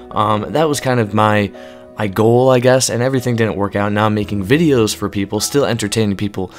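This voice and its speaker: A gaming YouTuber in his twenties talks to camera in an unscripted, casual way, earnest and rambling with lots of ums. His fairly low voice is monotone and hoarse, giving out from illness.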